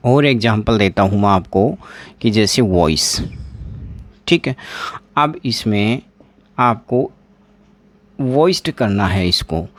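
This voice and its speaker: A man's voice: lowish voice, expressive, no echo. A man teaching an exam-prep lesson. He says each word several times over and asks questions that he then answers himself. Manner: slow, drills words by repeating them.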